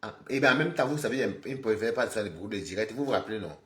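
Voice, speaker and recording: A man live streaming, scolding and lecturing his viewers in an animated, repetitive rant. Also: fairly low pitch, rapid-fire, echoey room. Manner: scolding, animated, repeats himself, talks straight to viewers.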